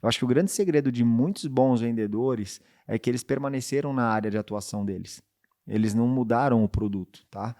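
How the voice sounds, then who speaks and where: Male podcast host, mid pitch, easygoing coaching talk full of tag questions. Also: a little fast, warm tone. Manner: conversational, checks in with frequent tag questions. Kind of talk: casual advice talk.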